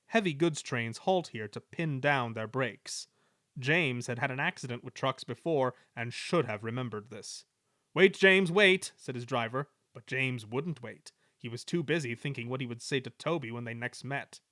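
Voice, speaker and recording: A man giving an expressive reading of a children's story. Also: medium pitch, moderate pace, no echo, clean studio sound. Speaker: storybook reader. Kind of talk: scripted narration of a children's story.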